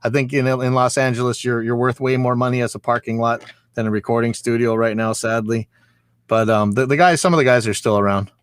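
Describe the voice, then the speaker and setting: A man with a medium-pitched voice tells stories in a casual chat. He rambles along, circling back over his phrases. The sound is dry, with very little room in it. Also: steady tone, brisk, clean tone, no echo. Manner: rambling, repeats phrases as he goes. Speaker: recording engineer. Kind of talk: casual chat, anecdotal storytelling.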